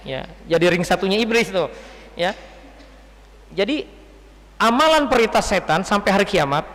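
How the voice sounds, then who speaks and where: A man's voice: sits high, a bit bright, in a large hall. A man giving an Islamic lecture to a group of women, chatty and joking as he quizzes the audience. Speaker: Islamic preacher.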